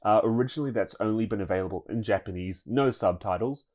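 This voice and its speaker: A man's voice: fairly low pitch, fast, a little mellow. A man co-hosting a podcast, chatting casually through a news segment and laughing now and then. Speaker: podcast co-host.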